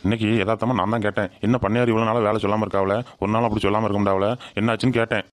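For a village comedy skit, a man plays a crafty male farmhand who argues and schemes, rapid and cheeky, feigning anger. His natural voice is on the low side with a level tone, recorded dry with clean studio sound.

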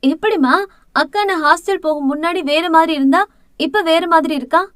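A woman voicing a playful, excited teenage younger sister in an audiobook drama. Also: high-pitched, brisk, no room sound, studio quality. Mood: amazed. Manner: excited, teasing.

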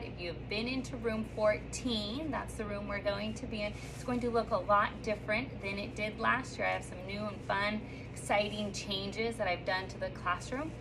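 Here a third grade teacher, a woman in her thirties, records a bright, sing-song hello and picture book reading for her students in the reading corner. Her mid-range voice is gravelly, and her upbeat reading has lively rises and slips. The background is noisy, captured by a phone or camera standing a few feet away.

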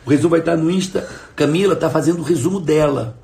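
Middle-aged man, emphatic teaching talk, live stream, gravelly, somewhat high voice. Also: fast, mellow. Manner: emphatic, repeats phrases, asks viewers for responses. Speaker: coach and live-stream host.

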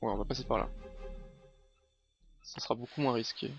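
A man's voice: medium pitch, fairly even intonation, normal speed, gravelly. A man commenting live on his gameplay, chatty and muttering to himself as he plays, swearing often. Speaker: streamer playing a video game. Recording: slightly dull lo-fi stream audio with faint game music.

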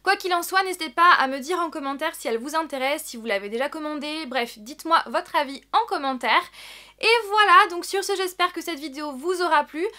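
A young woman vlogger chatting excitably through an unboxing. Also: high voice, brisk. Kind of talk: casual unboxing chat.

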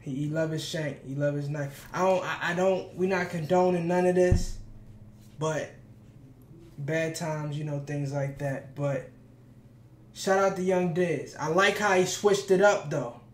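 A man hosting a reaction video, talking casually while standing, hyped and full of shout-outs. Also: on the high side, measured pace, a little hiss or hum. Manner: talks standing up. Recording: echoey room with music playing.

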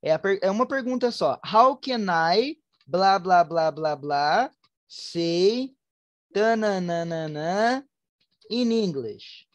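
Brazilian woman teacher online class, mixes portuguese and slow english, dry close sound. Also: medium pitch, animated, no echo, dull audio. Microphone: online class headset or computer mic.

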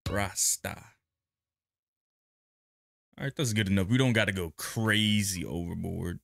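A young man giving relaxed, slangy commentary while playing a video game. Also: low voice, measured pace, vocal fry. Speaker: gaming youtuber. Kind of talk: casual gameplay commentary.

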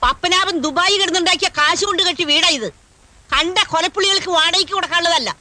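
An actress playing a feisty, hot-tempered old grandmother who scolds sharply and dotes softly, in film dialogue. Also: very high-pitched, quick pace, heavily acted. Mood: angry scolding. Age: older. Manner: sharp scolding outbursts, then soft and doting. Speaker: grandmother who owns the house.

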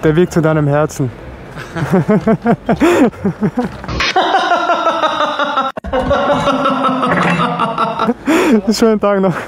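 A man's voice: extremely high pitch, very animated, very slow, long pauses, fairly bright tone. A young man, chatting casually and cheekily on a motorbike vlog. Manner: slangy, laughing, cheeky pickup lines. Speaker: motovlogger. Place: outdoors on a city street, on a motorbike. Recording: noisy street and engine sound.

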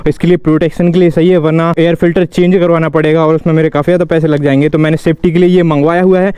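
A man's voice: on the high side, flat delivery, racing, mellow, smooth, no echo. A young man making a casual motorbike vlog, chatty and full of fillers, recorded on an action camera outdoors. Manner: chatty, lots of "guys" and "bhai" fillers. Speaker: motovlogger. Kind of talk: casual motovlog chat. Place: outdoors on busy town streets and at a roadside shop, riding a motorbike. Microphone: helmet or chest-mounted action camera. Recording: action-camera audio with street traffic noise. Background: traffic and street noise.

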